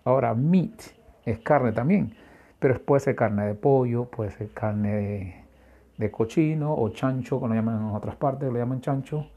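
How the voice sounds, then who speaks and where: Male English teacher, husky and mellow, patient, spells words out letter by letter. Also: mid-range voice, a little slow, lo-fi sound. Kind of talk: language lesson.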